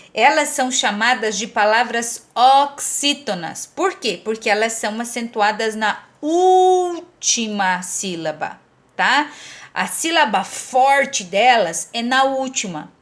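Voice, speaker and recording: A Brazilian woman with a high, bright voice teaches a lesson at an unhurried pace. She explains each step patiently and keeps checking in with the listener as she goes. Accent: Brazilian Portuguese. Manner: patient, repeats "tá?" to check understanding. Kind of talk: recorded classroom lesson.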